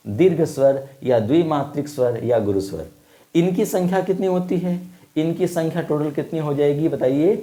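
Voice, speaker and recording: Male teacher, mellow slightly high voice, patient repetitive classroom drilling with questions. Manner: slow, repeating points and asking questions. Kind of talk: classroom lesson to children.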